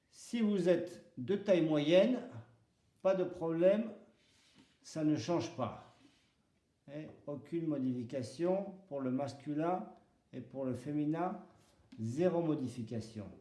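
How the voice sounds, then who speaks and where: A male French teacher speaks slowly and deliberately with a mellow, warm voice. He repeats each example word and walks through pronunciation rules step by step. The sound carries a roomy echo. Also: a little high. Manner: spells out pronunciation rules, switching between French and Basque. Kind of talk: slow, deliberate language lesson with repeated example words. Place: home.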